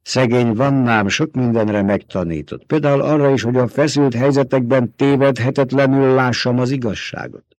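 Audiobook character: man voicing a high, feverish old traitor doctor, intimate and coaxing, dry close recording. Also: steady tone, hardly any pauses, a little mellow, no echo, close to an everyday voice. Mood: intense, confiding.

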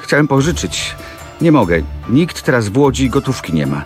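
A man's voice: medium pitch, sing-song, normal speed, soft background music, pitched above the performer's own voice, close to an everyday voice. A man voicing a bitter, ruined young mill owner in an audiobook. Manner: bitter, despairing, proud. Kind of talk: audiobook reading of a classic novel.

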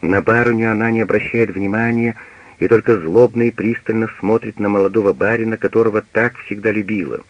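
A man narrating a novel in an expressive, dramatic literary radio reading. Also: lowish voice, a little fast, dry recording, lo-fi sound.

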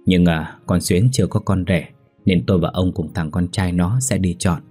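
A man's voice: low voice, fairly even intonation, normal speed, mellow, husky, soft background music. A man voicing a stern old village ritual master who gives commanding instructions. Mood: instructive.

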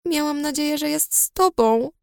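A woman's voice: high-pitched, moderate pace, gravelly, no room sound, studio quality, voice pushed up. A woman voicing a curt, hurt teenage girl. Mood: bitter. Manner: curt, bitter, trembling. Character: upset teenage girl friend, cold and hurt.

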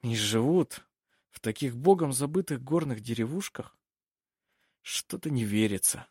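A man's voice: medium pitch, expressive, measured pace, a little mellow, breathy edge, no room sound, studio quality. A man voicing an uneasy young male traveler, hesitant and worried, in an audiobook.

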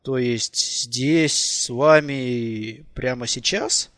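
A man voicing an awkward teenage boy who answers haltingly and shyly in an audiobook. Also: high-pitched, lively intonation, no room sound, studio quality, voice pushed up. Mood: hesitant. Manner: hesitant, halting.

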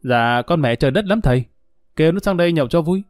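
A man voicing an eager young male underling who speaks quickly in a slightly raised voice. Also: a little high, lively intonation, a little mellow, no echo, studio quality, faint music behind, natural voice.

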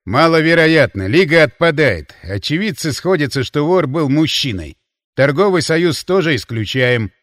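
A man reading the part of a stern male deputy commander who speaks briskly and with authority. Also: fairly high pitch, expressive, fairly bright tone, no room sound, clean studio sound.

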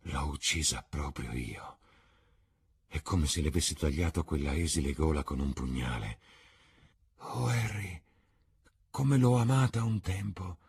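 A man with a husky voice voicing an impulsive, anguished young man in an audiobook reading, sobbing and crying out in despair. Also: lowish voice, very animated, slow, long pauses, pitched above the performer's own voice, heavily acted. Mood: self-reproaching. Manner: cries out, breaking into sobs.

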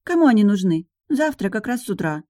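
In audiobook narration, a woman voices a fussy, traditional young witch student who speaks emphatically and indignantly. Her studio-quality, mid-range voice is expressive, warm and a little fast, with no room sound, pitched above her own voice yet close to an everyday one.

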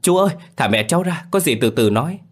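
A man's voice: on the high side, expressive, fast talker, slightly rough, voice pushed up. A man voicing a terrified young girl who begs through tears. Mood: begging tearfully. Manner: pleading, crying. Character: terrified young girl, the storyteller's child self.

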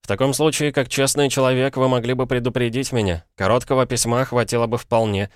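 A man voicing an indignant, pompous older gentleman stuck in a schoolboy's life, in an audiobook. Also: medium pitch, fairly even intonation, brisk, dry recording, studio quality, pitched above the performer's own voice, close to an everyday voice. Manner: outraged, shouting, pompous.

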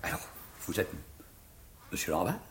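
An actor playing a flustered, stammering middle-aged provincial rhetoric teacher in a 1950s stage comedy. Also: male voice, moderate pace, a bit bright, natural voice. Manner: stammering, fussy, rambling.

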